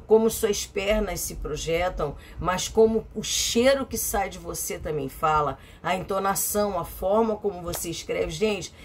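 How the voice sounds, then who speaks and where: A woman's voice: fairly low pitch, a little hiss or hum. A middle-aged woman from Brazil talking to her viewers in a chatty, emphatic vlog monologue, repeating phrases for effect. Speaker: vlogger.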